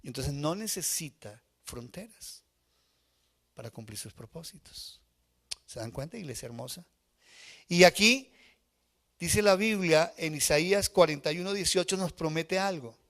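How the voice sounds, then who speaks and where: A man's voice: a little high, lively intonation, a little slow, long pauses, a bit bright. A male pastor preaching a live sermon in church, telling a personal story with feeling and asking the congregation questions. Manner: emotional personal testimony, asks the congregation questions. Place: church sanctuary before a congregation.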